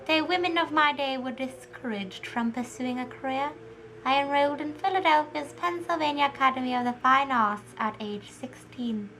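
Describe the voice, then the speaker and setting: Bright young woman reading a bio. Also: high voice, moderate pace, slight background noise, low-quality recording. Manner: reads in character as a historical artist. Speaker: student presenter. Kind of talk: reading a first-person biography aloud.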